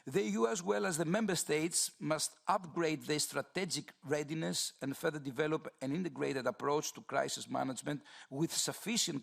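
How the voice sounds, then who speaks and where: A man from Greece, giving a formal, measured statement to a committee. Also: on the high side, vocal fry. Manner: formal, measured, read-out delivery. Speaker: committee member.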